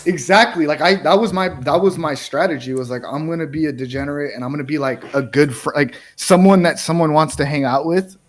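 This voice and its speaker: A man's voice: fairly high pitch, fairly quick, hardly any pauses. Slangy, laid-back male producer host. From United States. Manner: laid-back slangy talk, lots of "bro" and "like". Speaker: podcast host and music producer. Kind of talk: casual interview chat.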